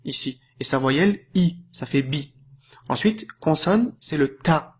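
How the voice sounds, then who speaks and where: A man giving an informal lesson, patiently explaining, checking in often and drawing out syllables slowly when modelling sounds. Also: fairly high pitch, lively intonation, husky. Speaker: Arabic reading teacher. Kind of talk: casual tutorial addressed to the viewer.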